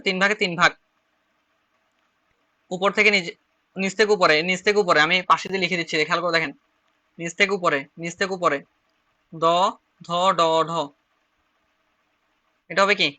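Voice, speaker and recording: A man with a Chittagong Bengali accent teaches an online shorthand class in a high, very bright voice. He drills each point step by step and says it again and again, so the class can follow. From Bangladesh. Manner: repetitive, drilling, step-by-step explaining.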